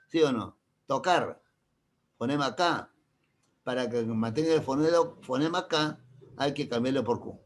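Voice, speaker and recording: Man, middle-aged, language teacher, classroom lesson, keeps checking understanding, playful examples, medium pitch. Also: a little hiss or hum. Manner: constantly checks understanding with quick questions.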